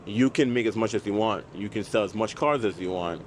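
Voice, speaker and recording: Low-voiced man vlogging over background noise. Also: brisk. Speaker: car salesman vlogger. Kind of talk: casual advice vlog. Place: outdoors at a car dealership. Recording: noisy outdoor lot, vehicle and dryer noise. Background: loud dryer and passing cars.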